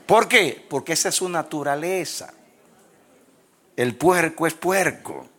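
A pastor preaching a sermon, swinging from loud, emphatic lines to hushed ones and laughing at his own jokes. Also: on the high side, animated, unhurried.

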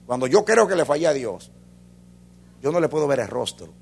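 Gravelly-voiced preacher with lively swings. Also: male voice, mid-range voice, moderate pace. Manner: preaching with wide swings from loud fervor to hushed intensity. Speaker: pastor. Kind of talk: sermon.

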